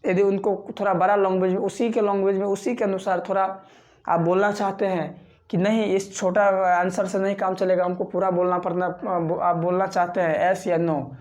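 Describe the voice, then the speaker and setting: A man from Bihar, teaching a spoken English lesson. He repeats example sentences slowly and keeps checking in with viewers as friends. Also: high-pitched, flat delivery, a little mellow. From Bihar, India. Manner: repetitive drilling, reads example sentences slowly.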